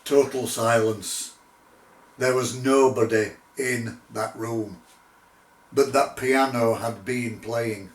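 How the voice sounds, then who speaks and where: A middle-aged man telling his own paranormal investigation story in a measured, deliberate way, with pauses. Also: medium pitch, a little mellow. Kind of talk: unscripted spoken storytelling. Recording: roomy echo, distant microphone.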